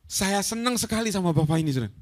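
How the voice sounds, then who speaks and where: A man preaching a lively storytelling sermon in a church hall. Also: sits high, rapid-fire. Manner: lively, storytelling, addresses listeners as saudaraku.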